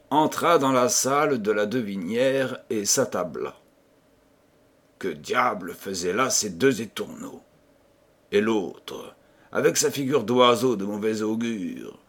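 A man reading a novel aloud as an audiobook, unhurried and expressive, giving each character a shift of voice. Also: mid-range voice, husky. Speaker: audiobook reader. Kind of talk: scripted narration with character voices.

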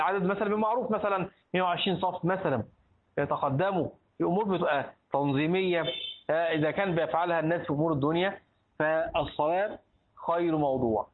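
Fast high-voiced Egyptian man teaching. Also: husky. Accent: Egyptian Arabic. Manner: quizzes listeners, repeats words, restarts often. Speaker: teacher of Islamic jurisprudence. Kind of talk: colloquial Egyptian lecture with questions to students. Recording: tinny phone-like lecture recording.

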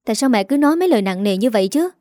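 A woman voicing a young office-worker daughter, soft and pleading with her mother. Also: on the high side, lively intonation, rapid-fire, no echo, clean studio sound, close to an everyday voice.

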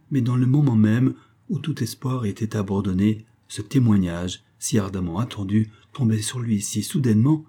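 A man narrating a novel as an audiobook reader in a measured, even way. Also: lowish voice, slightly rough.

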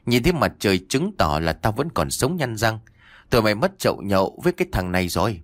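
A man's voice: lowish voice, big pitch swings, quick pace, no echo, clean studio sound. A man voicing a boastful, drunken young village man in a storybook ghost tale. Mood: cocky. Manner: brash, cocky, then panicky.

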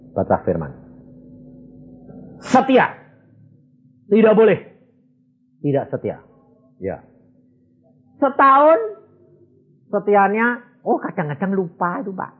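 A man's voice: mid-range voice, breathy edge. A male pastor preaching a sermon as a story, acting out the dialogue of the people in it. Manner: animated, acts out dialogue in voices. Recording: tinny phone-like recording.

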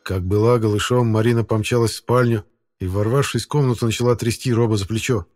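A man narrating an audiobook in a steady, even storytelling manner. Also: on the low side, fast, faint music behind. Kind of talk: scripted narration.

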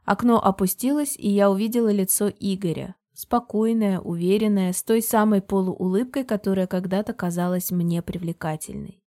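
A woman narrating a novel in the first person, in a steady, measured storytelling manner. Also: mid-range voice. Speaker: audiobook narrator.

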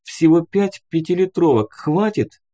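A man's voice: on the high side, lively intonation, measured pace, warm tone, voice pushed up. A male audiobook reader voicing an anxious young woman who helps a field doctor. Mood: worried. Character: worried young woman medic helper.

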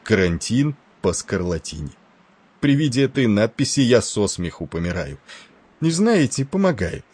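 A man's voice: lowish voice, very animated, moderate pace, darkish tone, voice pushed up. Man doing an Irish-accented joking ship's doctor. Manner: rough, familiar joking. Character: genial wisecracking male ship's doctor.

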